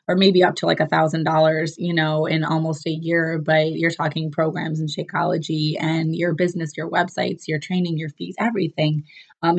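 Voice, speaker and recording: Her cold leaves her voice rough and lower as this business coach delivers a casual, upbeat recap alone on camera. She chats along with lots of fillers and false starts, and the recording sounds muffled.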